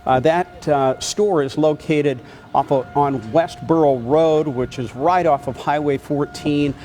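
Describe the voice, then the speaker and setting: A man's voice: on the high side, unhurried, darkish tone, faint music behind. Male news anchor, live breaking coverage. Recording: faint background noise.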